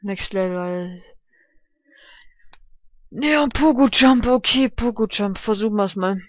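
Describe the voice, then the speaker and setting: A man commenting casually on a game he is playing, shouting and swearing when he fails and muttering quietly to calm himself down. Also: high voice, slow pace, lo-fi sound. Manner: excitable, yelps and shouts at failures, swears. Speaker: let's play gamer.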